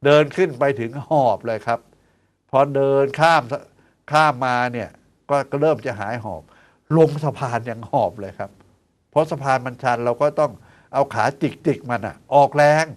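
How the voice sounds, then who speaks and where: A man's voice: mid-range voice, normal speed. Man, 60s, doctor-host; folksy health talk with a chatty, questioning delivery. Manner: chatty, lively asides, teasing rhetorical questions; counts out exercise steps aloud. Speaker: doctor hosting a health show.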